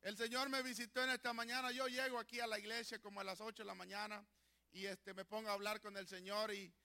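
A middle-aged man pastor preaching a fiery sermon that swells into shouted declarations. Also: high-pitched, little pitch movement, quick pace, vocal fry.

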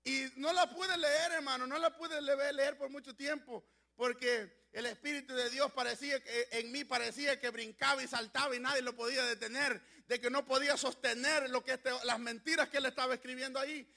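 A man preaching a sermon, who shifts from halting, self-correcting talk to loud shouted exclamations. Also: extremely high pitch, steady tone, gravelly. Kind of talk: Pentecostal-style sermon.

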